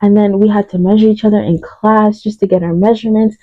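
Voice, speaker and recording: Speaking fast in a steady, mid-range voice, a woman from Uganda in her 20s recounts her journey into fashion design as she does her makeup for a vlog. She uses lots of fillers and keeps correcting herself. The sound is dry and dull.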